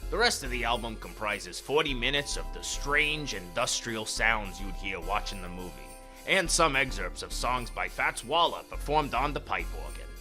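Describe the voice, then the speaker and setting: A man's voice: mid-range voice, lively intonation, normal speed, bright, forceful tone, faint music behind. A man playing a jolly ghoul horror host, presenting in a campy, theatrical way with slangy, folksy address to his audience. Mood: delighted, showy.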